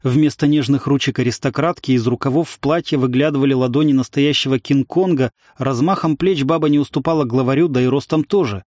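A male narrator reads a story in an even, measured way, his voice sitting at a middle pitch. The recording is close and dry, with no room sound. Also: dry recording. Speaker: audiobook narrator. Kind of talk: scripted narration.

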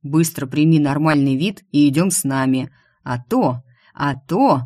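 Lowered to sound like a woman playing a gruff young man, he scolds bluntly with a stubborn, grumbling edge. The reading is dry and close to the mic, with a fairly low voice for a woman. This is a storybook figure in a read-aloud fantasy tale. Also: unhurried, a little mellow, no room sound. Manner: brusque, scolding.

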